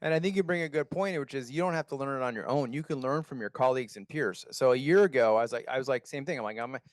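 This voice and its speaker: A man's voice: medium pitch, fast, no echo. A man hosting a fireside chat, chatty and conversational, asking his guest questions. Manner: conversational, quotes himself. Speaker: host, moderator.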